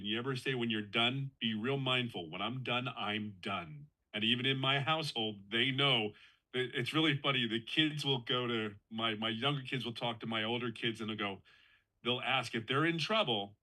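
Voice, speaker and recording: Man, 50s, guest testimonial, earnest, repeats for emphasis, bright tone, medium pitch. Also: low-quality recording. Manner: earnest and conversational, with frequent restarts and emphatic repetition. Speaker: guest sharing his story. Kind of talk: personal testimonial on a live call.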